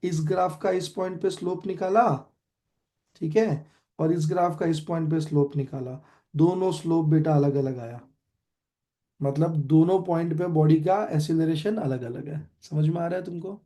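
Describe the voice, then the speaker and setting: A man's voice: fairly high pitch, moderate pace, dark tone. A young adult man with an Indian accent teaching a physics class, quizzing students as he goes and mixing Hindi with English. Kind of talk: online class lecture.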